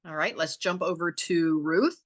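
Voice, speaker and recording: A woman's voice: on the low side, a little slow. A woman hosting an online group meeting on a video call, friendly and encouraging as she calls on people. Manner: friendly, encouraging, laughs easily.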